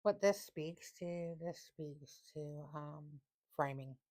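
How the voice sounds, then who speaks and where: A woman with a low voice talks through a casual tarot reading. She reads card text slowly and deliberately. She repeats her points for emphasis. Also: darkish tone. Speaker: tarot reader.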